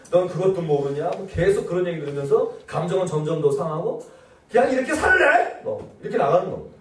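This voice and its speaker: Animated male pastor in an echoey church. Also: recorded from a distance. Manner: animated, acts out nagging quotes in shrill voices. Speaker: pastor giving a seminar. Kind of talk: lively church seminar talk. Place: church hall.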